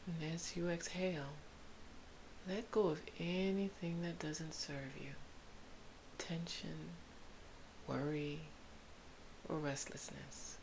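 A woman guiding a sleep meditation in a soft, soothing spa-like whisper. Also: low voice, fairly even intonation, slow pace, long pauses, poor audio. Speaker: meditation guide. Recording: hissy background noise.

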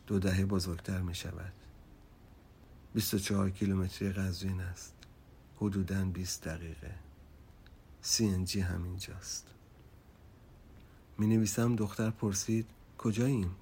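A man reading a story aloud, calm and measured, sometimes dropping almost to a whisper. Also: a little hiss or hum. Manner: calm, low-key and measured, dropping to a near whisper at quiet moments. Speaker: narrator.

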